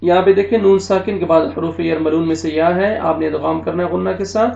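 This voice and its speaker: A male Quran teacher with an Urdu-speaking accent, spelling out letters and vowels and then slowly drawing out each joined word, with brisk explanations of the rules in between. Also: high voice, fairly even intonation, gravelly, a little mellow. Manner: quick, matter-of-fact explanations of rules between readings. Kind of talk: recorded online recitation lesson. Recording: dull, roomy home recording.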